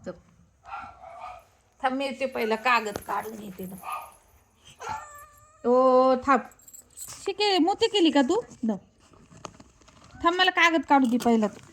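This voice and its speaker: A woman's voice: sits high, big pitch swings, slow pace, long pauses, slight background noise. A woman talking to her pet at home in affectionate, coaxing baby talk, sometimes scolding it playfully. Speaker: pet owner.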